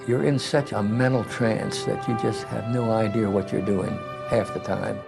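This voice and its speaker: An older man who trained as a navy corpsman, explaining in a halting way in an interview. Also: lowish voice, fairly even intonation, creaky. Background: music.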